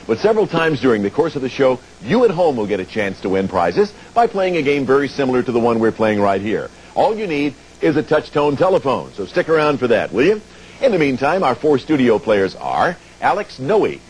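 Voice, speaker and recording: Lively American male game show host. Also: medium pitch, fairly quick, rough recording. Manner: clear step-by-step explaining, addressing players and viewers. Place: TV studio.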